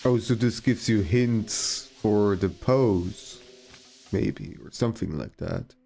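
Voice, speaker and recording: A woman with a very deep voice gives casual game commentary. She speaks slowly in a mellow tone, with faint music behind her. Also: gravelly. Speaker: video game streamer.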